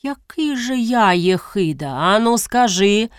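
A woman voicing a brash, mocking male guest who talks back with loud scorn, in a dry storybook reading. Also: mid-range voice, slow, clear, resonant tone, dry recording, natural voice. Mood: scornful.

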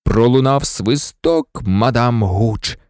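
A narrator reading a children's fantasy story aloud, dramatic and lively, switching into many character voices. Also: medium pitch, slow, no room sound, studio quality. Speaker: audiobook narrator.

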